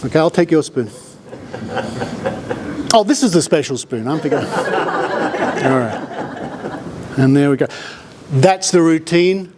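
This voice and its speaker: A man's voice: a little high, lively intonation, slow, long pauses, crowd noise, noisy background. A middle-aged man with an Australian accent giving a chatty, jokey live conference talk and bringing audience members up to help. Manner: jokey, chatty showman, breaks into laughs. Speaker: skeptic presenter on stage.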